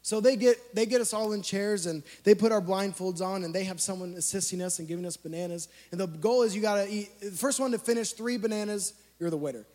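A man with a notably high voice preaches through a playful, self-mocking personal story. His delivery is animated and lively. The sound carries a long reverb from a large church hall. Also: fast talker, hardly any pauses. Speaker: youth speaker. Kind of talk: storytelling sermon.

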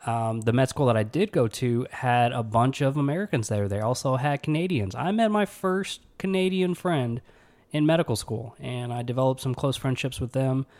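A pathology resident with an Alabama Southern accent hosts his own podcast, delivering a casual solo monologue that's earnest and rambling, full of fillers and restarts. His medium-pitched voice has a darkish tone and a moderate pace.

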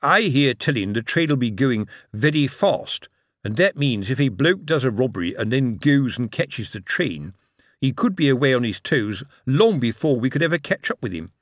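A man's voice: mid-range voice, sing-song, moderate pace, no room sound, clean studio sound, lightly acted. A man doing a chatty, musing city policeman.

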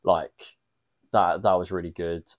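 On a casual podcast, this young Englishman talks in a lowish voice and tells loose, rambling stories, often breaking into laughter as he co-hosts. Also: steady tone, measured pace, narrow, tinny audio. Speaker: podcast co-host. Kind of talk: casual chat.

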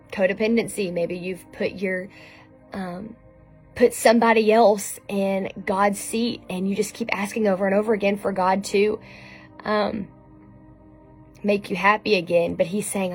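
A woman giving an informal sermon in a conversational way, often pausing with ums and restarting her sentences. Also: medium pitch, fairly even intonation. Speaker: speaker giving a devotional message. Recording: soft music underneath.

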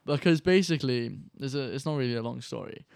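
A man's voice: medium pitch, fast, creaky, a crowd in the background. A young man from Wales, a podcast guest, chatting casually in a slangy, profane, rambling way. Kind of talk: casual chat.

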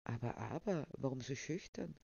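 A reader voicing a big, broad-shouldered man who teases calmly in a lowered voice. The recording is dull and dry. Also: moderate pace, creaky, husky, no room sound, exaggerated voice. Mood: teasing.

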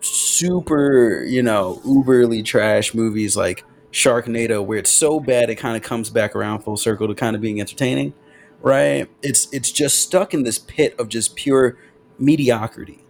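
A man co-hosting a podcast in casual chat, excitable and quick to swear as he talks. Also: medium pitch, a little hiss or hum. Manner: animated, excitable, swears freely. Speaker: podcast co-host.

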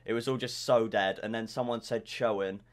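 A teenage lad co-hosting a podcast among friends. His voice sits on the low side, and he chats in a loose, joking way, trailing off into ums now and then. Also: fairly even intonation, brisk. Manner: joking, chatty, drifts off with fillers. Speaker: podcast co-host. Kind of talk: casual chat.

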